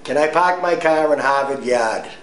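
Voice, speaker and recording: Man, Boston accent, loud deliberate talk to a phone, roomy room, background noise. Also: fairly high pitch. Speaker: journalist.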